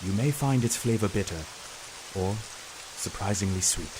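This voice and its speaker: A man playing a grave, persuasive professor in an audio drama, measured, formal and earnest. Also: on the low side, background noise, natural voice. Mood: solemn, persuasive. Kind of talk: scripted audio drama acting.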